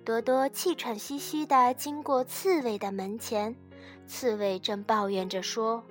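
A woman teacher reading a bedtime story to children in a gentle, expressive way. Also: on the high side, a little slow, soft background music.

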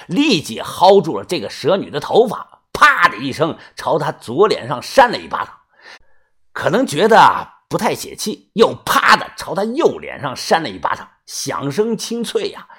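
A man narrating an audiobook story in a colloquial, lively way. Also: a little high, breathy edge. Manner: lively, colloquial, filler particles.

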